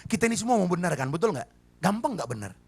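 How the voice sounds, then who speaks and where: High, animated preacher. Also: male voice, fast talker, vocal fry, husky. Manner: emphatic, rhetorical questions to the congregation. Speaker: pastor. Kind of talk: sermon. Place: church service.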